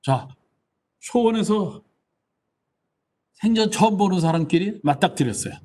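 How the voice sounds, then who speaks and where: A man's voice: a little high, husky. A middle-aged man giving an online lecture, telling stories and acting out short exchanges of dialogue. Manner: animated storytelling, acting out little dialogues.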